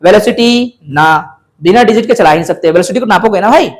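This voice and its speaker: A man's voice: high voice, fairly quick. Male maths teacher, classroom lecture, keeps quizzing and coaxing the students. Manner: coaxing, questions students often. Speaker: math teacher.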